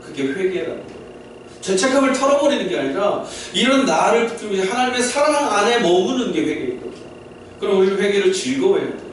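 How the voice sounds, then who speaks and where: A man's voice: high-pitched, big pitch swings, fast, slight background noise. A male pastor preaching a sermon to a mixed-age congregation, explaining things and asking them questions. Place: church sanctuary. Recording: very echoey hall, distant mic.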